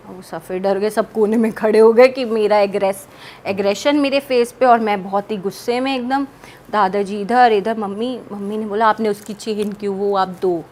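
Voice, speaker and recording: A young woman telling an interviewer about a personal paranormal experience, animated and vivid, acting out what others said. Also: mid-range voice, slight background noise. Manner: animated, vivid storytelling with quoted dialogue. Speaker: guest.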